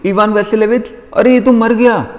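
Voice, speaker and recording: A man doing a shrill, panicking young woman. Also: normal speed, close to an everyday voice. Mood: panicked. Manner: shrill, wailing cries. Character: hysterical young woman, quarrelsome bride-to-be. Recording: long reverb.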